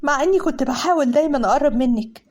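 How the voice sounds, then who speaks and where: A woman's voice: sits high, rapid-fire, darkish tone, natural voice. A woman with an Egyptian accent voicing a young man in love, angry and reproachful as he speaks. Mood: bitter. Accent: Egyptian Arabic.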